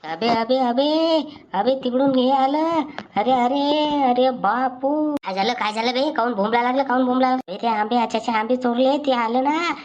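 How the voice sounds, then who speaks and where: A woman's voice: fairly low pitch, flat delivery, fairly quick, dull audio, a little hiss or hum, close to an everyday voice. A woman voicing mischievous young village schoolchildren in a cartoon, bantering and teasing. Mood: panicked.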